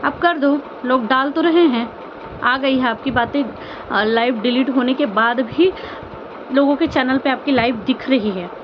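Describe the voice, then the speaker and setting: A woman vlogger with a high, slightly slow voice gives earnest, informal commentary on online family drama, pleading with listeners and repeating phrases and rhetorical questions. The audio is lo-fi with a noisy background.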